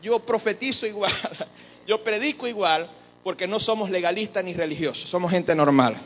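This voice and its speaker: A man preaching a sermon as an apostle, animated and joking with the congregation. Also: high voice, moderate pace, poor audio. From Venezuela. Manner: animated, joking with the congregation, mimics others' voices.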